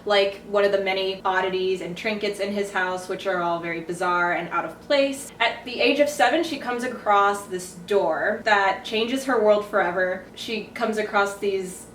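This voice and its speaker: A woman's voice: mid-range voice, normal speed, few pauses, fairly bright tone, a little hiss or hum. A young woman co-hosting a casual book haul chat, earnestly summarizing plots. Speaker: booktube co-host. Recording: echoey room, from a distance.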